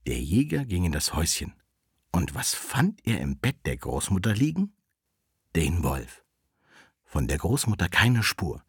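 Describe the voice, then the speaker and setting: A man reads a children's fairy tale aloud with expressive, animated delivery. His voice is deep with a husky grain and moves through a wide pitch range. The recording is dry and close. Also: measured pace, dry recording. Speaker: storyteller.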